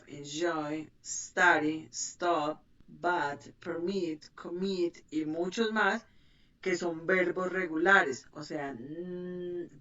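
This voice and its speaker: Woman, English teacher, online class, patient, checks understanding, dull distant sound. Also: fairly low pitch. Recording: muffled, distant mic.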